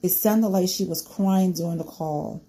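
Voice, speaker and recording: A woman's voice: fairly low pitch, fairly even intonation, moderate pace, dark tone, slightly rough. A woman commentating on a true crime case. She reads from a news report, then talks casually to her viewers, asking them questions and often saying "you know.". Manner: conversational, poses questions to viewers, many "you know" fillers.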